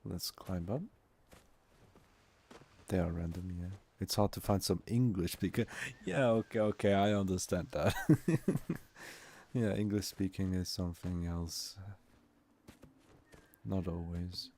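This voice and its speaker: A man's voice: deep voice, steady tone, a little slow, long pauses, mellow, a little hiss or hum. A man whose first language is Turkish, chatting casually with viewers while streaming a game and musing aloud.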